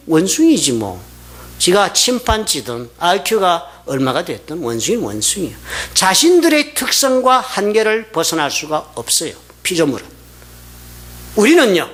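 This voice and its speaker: Animated high-voiced male pastor preaching. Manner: conversational preaching with rhetorical questions to the congregation; swings between loud emphatic peaks and quiet asides. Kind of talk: sermon.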